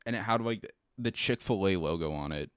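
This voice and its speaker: A young man chatting casually on a podcast in a low voice. He sounds blunt and exasperated and swears often. The recording is dry and close-miked. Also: expressive, brisk, clear, resonant tone, dry recording. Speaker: podcast co-host. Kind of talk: casual chat.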